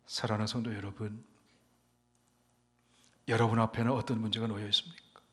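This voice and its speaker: Speaking a little fast in a lowish voice with a flat delivery, a male pastor preaches in a church sanctuary that sounds like a big room. He alternates emphatic, loud statements with quiet, nearly whispered ones and calls for amens and repetition from the congregation.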